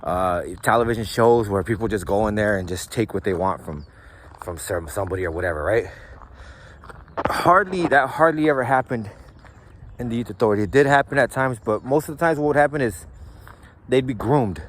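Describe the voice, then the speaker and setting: A man's voice: lowish voice, animated, fairly quick, a little hiss or hum. A man hosting a show, speaking in a casual storytelling way that is slangy and profane, with lots of "like" and "right?". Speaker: host.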